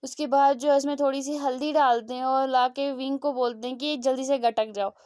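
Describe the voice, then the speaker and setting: Woman storyteller, casual, chatty, high pitch. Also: fairly even intonation, fairly quick, darkish tone, smooth, dry recording, clean studio sound. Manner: chatty, many fillers. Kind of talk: casual fanfiction retelling.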